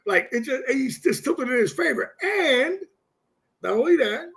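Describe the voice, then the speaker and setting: A man co-hosting a football talk show, excitable and profane, often repeating himself as he makes his points. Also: extremely high pitch, a little slow, creaky. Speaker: sports show co-host.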